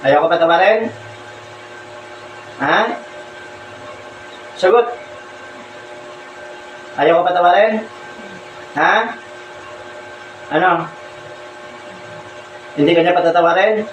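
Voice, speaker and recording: This man's voice sits high, and he speaks slowly with long pauses on a muffled recording. He plays a folk healer questioning someone in a healing ritual, repeating curt, demanding questions again and again, heard through echo, distance, and loud ambient noise.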